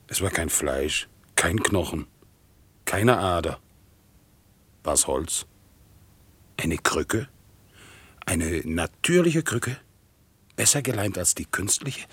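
An actor playing a crippled, devout war veteran on crutches who speaks in an earnest, excitable, stiffly dutiful way, in a 1960s radio drama. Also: male voice, deep voice, slow pace, long pauses, exaggerated voice. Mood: brooding.

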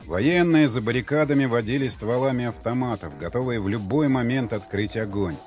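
A man's voice: medium pitch, brisk, darkish tone. Male audiobook narrator over faint music. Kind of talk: scripted narration. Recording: slightly muffled with faint music.

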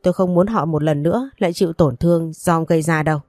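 A woman's voice: deep voice, fast talker, darkish tone, no room sound, studio quality, soft background music, lightly acted. A woman voicing a headstrong young woman in a storybook reading, speaking bluntly and coldly. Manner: blunt, cold toward her father. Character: headstrong young woman, grief-stricken granddaughter.

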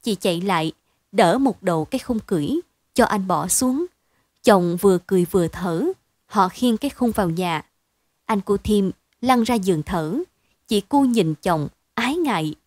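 A woman reading a story aloud in a steady, expressive bedtime storytelling manner. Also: medium pitch, normal speed, no room sound. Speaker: narrator.

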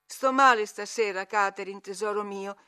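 A frail young man asks for company in a soft, pleading voice, as a woman narrator puts him on. It is read as part of an audiobook. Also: medium pitch, moderate pace, clean tone, close to an everyday voice. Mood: plaintive. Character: sickly young man, weak and clinging.

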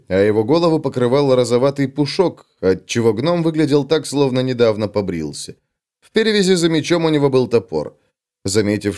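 A male audiobook narrator with a mid-range voice and a very animated, rising and falling delivery. He reads the prose in an expressive, varied way. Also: mid-range voice.

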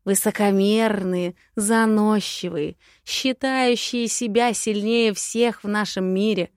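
A woman voicing a scheming, cruel witch who taunts in drawn-out, sing-song phrases. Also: mid-range voice, fairly even intonation, no room sound, studio quality, close to an everyday voice. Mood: mocking. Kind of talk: audiobook character voice.

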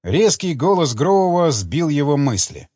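Lively, husky male audiobook narrator. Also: on the high side, a little slow, dry recording, lo-fi sound.

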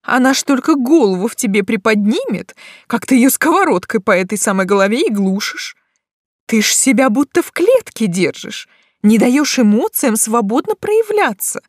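A woman voicing a brash, pushy witch who mentors a young girl, scolding her with lively swings of pitch. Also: moderate pace, no room sound, studio quality.

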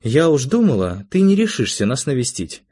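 A man voicing a brisk, wry, teasing wife in an audiobook, with a raised voice and a businesslike tone. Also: mid-range voice, big pitch swings, darkish tone, husky, voice pushed up. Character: brisk, teasing wife, middle-aged woman. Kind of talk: audiobook character voice.

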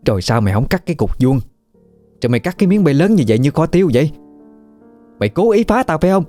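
A man voicing a bossy, scolding older woman healer, raised into a shrill nagging voice. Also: animated, fairly quick, darkish tone, soft background music, natural voice.

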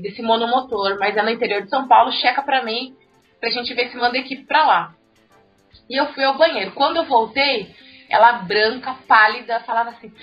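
Brazilian woman, high bright voice, animated anecdote teller, muffled with soft music. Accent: Brazilian Portuguese. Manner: animated, acts out dialogue with sharp pitch jumps. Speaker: newsroom radio monitor. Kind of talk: casual anecdote telling. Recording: muffled audio with faint music.

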